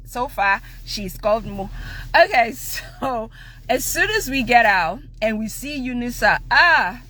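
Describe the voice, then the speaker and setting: A middle-aged woman from Ondo with a Nigerian accent, hosting a live stream and telling a family story in a laughing, animated way that mixes Yoruba and English. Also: on the high side, a little hiss or hum.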